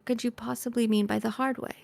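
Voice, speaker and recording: A woman's voice: on the high side, flat delivery, quick pace, creaky, a little mellow, no echo, faint music behind. A woman voicing a frightened, spindly young woman who screams and pleads to be left alone in a tabletop game. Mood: suspicious. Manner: screams in terror.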